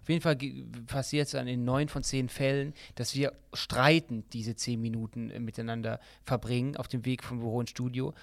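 A man's voice: mid-range voice, flat delivery, a little fast, creaky, few pauses, no echo, clean studio sound. A man co-hosting a podcast, talking casually and bickering, with many fillers and restarts. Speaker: podcast co-host.

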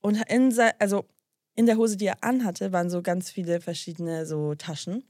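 A woman's voice: fairly low pitch, fairly even intonation, normal speed, darkish tone, no echo, studio quality. A young woman casually telling a story to her co-host, acting out both sides of the dialogue and dropping English slang into her talk.

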